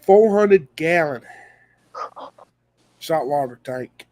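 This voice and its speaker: Slow-talking man. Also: a little high, expressive, darkish tone, no echo. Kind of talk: casual chat.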